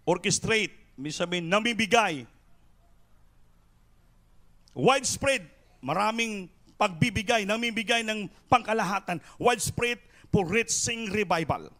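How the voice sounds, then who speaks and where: Man, Filipino accent, preacher, very high voice, fervent sermon, calm explaining turning to shouted exhortation. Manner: impassioned, swings from soft explaining to shouted exhortation; mixes Tagalog and English.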